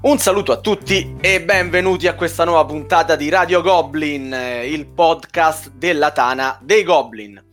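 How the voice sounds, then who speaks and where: A man's voice: fairly high pitch, moderate pace, hardly any pauses, a bit bright, faint music behind. A man hosting a podcast in casual chat, with a playful, teasing manner. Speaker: podcast host.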